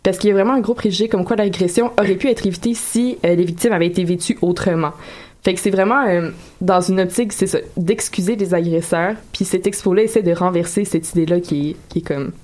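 A woman's voice: on the low side, fast talker, a little mellow. A woman with a Quebec French accent, a radio guest explaining a subject in casual chat with frequent hesitations. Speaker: guest columnist.

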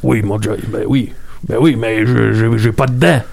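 Man acting toothless old Quebec comedian, gravelly, hesitant, repeats himself, rambling interview comedy, noisy recording with clicks. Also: fairly low pitch, fairly even intonation, normal speed. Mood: grumbling. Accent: Quebec French. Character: toothless old veteran comic, about ninety, rambling and forgetful. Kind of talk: improvised in-character comedy interview. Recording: clearly noisy background with clicks.

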